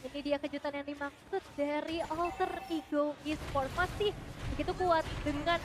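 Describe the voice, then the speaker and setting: An Indonesian woman commentating and analysing an esports match as a shoutcaster. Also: sits high, fairly even intonation, normal speed, noisy background.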